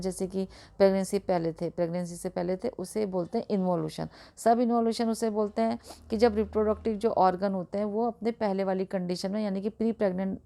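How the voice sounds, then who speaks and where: A woman teaching a nursing lesson, explaining slowly with frequent pauses, filler sounds and restated terms. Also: medium pitch, creaky, dark tone. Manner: hesitant, fills pauses with "uh", repeats and restates terms. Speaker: nursing tutor. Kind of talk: explanatory lecture in Hindi mixed with English terms.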